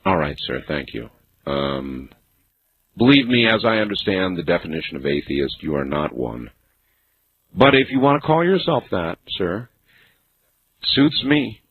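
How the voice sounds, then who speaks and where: Wry late-night radio host, thin AM sound. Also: male voice, sits low, measured pace, pauses often, breathy edge. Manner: relaxed, wry, argues back with callers. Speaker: radio talk show host. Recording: phone-like AM radio broadcast with faint hiss.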